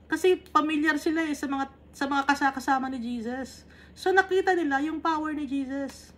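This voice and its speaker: Filipino woman with a higher voice teaching Bible study. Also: fairly quick, a bit bright. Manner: reads English verses, then explains them conversationally in Tagalog with tag questions.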